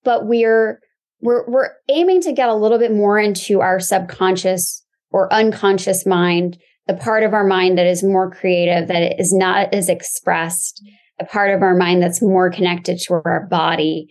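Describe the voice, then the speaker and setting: A woman's voice: mid-range voice, steady tone, measured pace, a little mellow. A woman who teaches movement, explaining her ideas in a conversational, reflective way as an interview guest. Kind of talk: casual explanatory chat.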